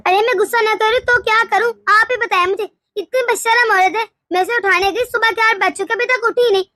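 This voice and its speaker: A woman voicing a short-tempered, self-pitying middle-aged mother-in-law in an animated cartoon, complaining in shrill taunts. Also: a little fast, dry recording, clean studio sound. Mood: indignant.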